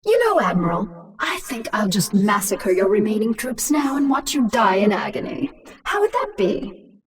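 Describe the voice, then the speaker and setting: A woman's voice: mid-range voice, sing-song, normal speed, distant mic, a crowd in the background, lightly acted. Woman voicing a gloating, ruthless alien swarm queen, Kerrigan. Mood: mocking menace. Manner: mocking, imperious, drawling threats. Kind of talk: dramatic video game acting. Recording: voice under very loud music.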